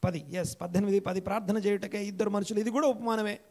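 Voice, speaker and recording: A male pastor preaching an interactive sermon in a church, repeating key phrases, quizzing his listeners and slowing down to read scripture aloud. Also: fairly even intonation, a little mellow. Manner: slows and rises in pitch when reading scripture aloud. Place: church hall.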